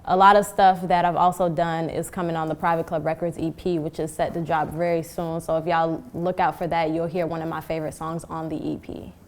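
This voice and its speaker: A twenty-three-year-old woman, a music artist, talking calmly in a group interview. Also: deep voice, fairly quick, hardly any pauses. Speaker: singer, crew member.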